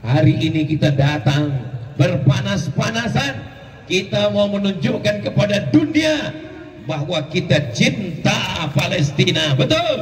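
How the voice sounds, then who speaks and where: A man preaching at a large outdoor rally, shouting rhetorical questions and leading the crowd in call-and-response. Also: high-pitched, expressive, unhurried, a little hiss or hum. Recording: echoey public address heard from far off.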